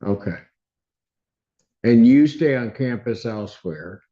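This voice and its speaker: A man's voice: mid-range voice, expressive, slow, mellow. A man presiding as judge, firmly questioning and cutting in with repeated "ma'am". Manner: firm, interrupts with repeated "ma'am". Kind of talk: courtroom questioning. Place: courtroom. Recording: dull courtroom audio.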